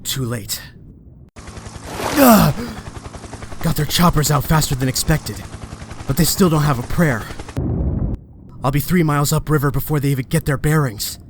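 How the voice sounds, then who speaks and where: A man's voice: fairly high pitch, expressive, unhurried, pauses often, background noise. A man playing a young male superhero in a comic dub, earnest, wry and anxious but determined. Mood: anxious inner monologue.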